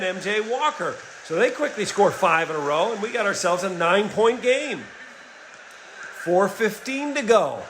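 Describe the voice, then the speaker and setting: A middle-aged man calling a basketball game play by play, energetic and rising in excitement on big plays. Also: high-pitched, a little hiss or hum. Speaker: play-by-play commentator. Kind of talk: play-by-play sports commentary. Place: home setup, voice-over for a replayed game.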